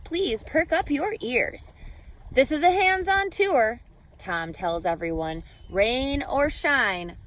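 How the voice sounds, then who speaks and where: Speaking at a medium pitch, a woman reads a picture book to a group of children as their teacher. Her reading is expressive and carefully phrased, and she stops now and then to pose questions to them.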